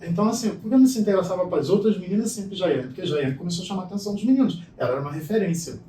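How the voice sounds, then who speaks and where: A middle-aged guest speaker tells stories in conversation, animatedly acting out the dialogue. His voice is high-pitched and racing. The mic is distant in an echoey room, with faint noise.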